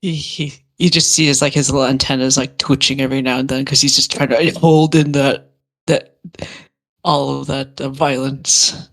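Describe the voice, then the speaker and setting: A tabletop role-playing game player who laughs often and talks haltingly, repeating words. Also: mid-range voice, level tone, fairly bright tone. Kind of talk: casual game chat.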